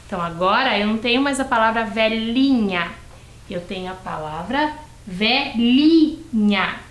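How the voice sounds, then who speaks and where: A Brazilian woman teaching a lesson to young children, drawing out syllables slowly and patiently. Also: a little high, a bit bright, echoey room, low-quality recording. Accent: Brazilian Portuguese. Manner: stretches words and syllables, patient and encouraging. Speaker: primary school teacher. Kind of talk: slow, clearly spelled-out lesson for young children.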